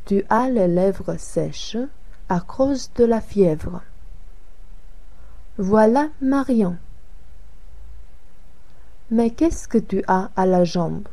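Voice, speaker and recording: A woman reads the part of Anne, an adult who likes simple sporty clothes, in a slow scripted dialogue for a language lesson. Her mid-range voice is warm and unhurried with lively intonation, while her mood stays plain and her reading careful and evenly paced.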